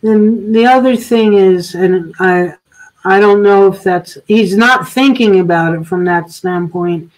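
Slow, halting woman host on a video call. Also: medium pitch, low-quality recording. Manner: thoughtful, halting, frequent restarts. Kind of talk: casual political discussion.

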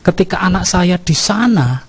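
A male preacher with a Javanese accent delivers a light, humorous sermon in a husky, slightly raised voice. He tells lively stories and keeps tossing "ya kan?" back at his listeners. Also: high voice, moderate pace.

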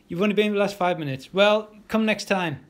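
High-voiced and fairly quick, this illustrator talks while painting in a live draw-along class. He's chatty and encouraging, stumbling through plenty of ums and restarts.

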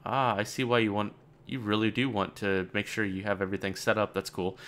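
A man's voice: fairly low pitch, little pitch movement, a little fast, a bit bright. A man playing a game on camera and thinking aloud, casual and rambling, with dry sarcastic asides. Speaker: let's play gamer. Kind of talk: let's play game commentary.

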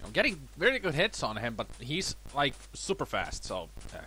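With slight background noise, a let's play gamer talks at a moderate pace about his boxing gameplay, casually running himself down. A cold leaves his voice a bit worn, though his pitch still swings lively and his manner stays chatty.

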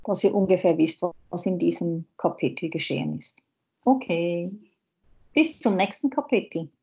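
A woman's voice: lowish voice, gravelly, darkish tone, breathy edge, muffled recording. A woman teacher with a Dutch accent reading a German novel aloud to a class and stopping to explain words. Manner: slow, pauses to explain words.

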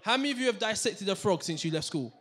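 A fast-talking man from London with a high voice gives an animated finance seminar to an audience in a community hall, using a handheld microphone. He keeps checking in with the crowd, asking "right? yeah?"

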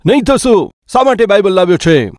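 Brief: stern scolding dad, a preacher putting him on, pitched up. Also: male voice, very animated, quick pace, darkish tone, no room sound, clean studio sound. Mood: angry. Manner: scolding, demanding. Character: angry strict father, middle-aged man.

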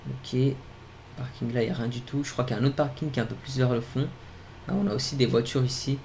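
A young man giving casual gameplay commentary, talking straight to his viewers and getting excited. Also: mid-range voice, fast talker, vocal fry, slight background noise. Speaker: gaming YouTuber.

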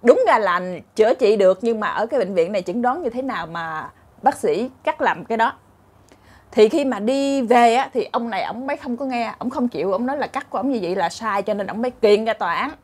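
A woman's voice: fairly high pitch, animated, brisk, husky. A woman with a Southern Vietnamese accent telling funny short stories in a chatty way, laughing often and acting out characters. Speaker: storyteller host. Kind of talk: casual comic storytelling.

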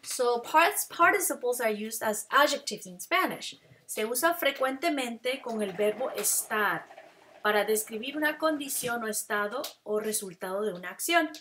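A woman teaching a grammar lesson, slow and deliberate, drawing out example words and switching between Spanish and English to explain. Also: a little high, lively intonation, pushed and bright, slight background noise.

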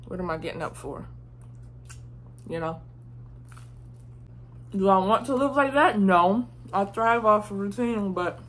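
A woman in her twenties talking casually to her phone camera in her bedroom. She is candid and slangy, and swings between hushed and loud. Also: medium pitch, a little hiss or hum. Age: 20s. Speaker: vlogger. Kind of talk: casual vlog chat to camera. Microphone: phone mic.

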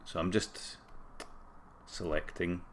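A man with a broad Scottish accent and a groggy throat, casually thinking aloud through a screen-recorded software tutorial. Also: low-pitched, fairly even intonation, slow, slight background noise. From Scotland. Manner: informal, thinking aloud while working. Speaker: tutorial presenter.

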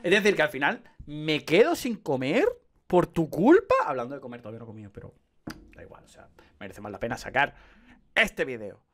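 A man's voice: fairly high pitch, sing-song, fairly quick, fairly bright tone. A young man from Spain with a Spanish accent, giving sarcastic, slangy let's play commentary full of swearing. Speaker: gaming youtuber.

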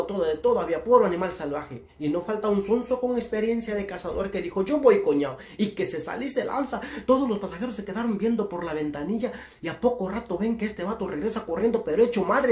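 A man's voice: high-pitched, echoey room. A man with a Mexican accent telling crude jokes in folksy slang and laughing at his own punchlines. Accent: Mexican Spanish. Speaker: joke teller. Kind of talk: telling dirty jokes to a live audience.

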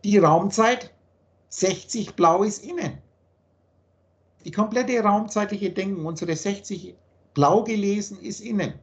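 Man, earnest teacher, measured explanations, video call audio. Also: sits high. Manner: earnest, explanatory, slows down on key points. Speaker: spiritual teacher. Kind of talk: philosophical teaching monologue.

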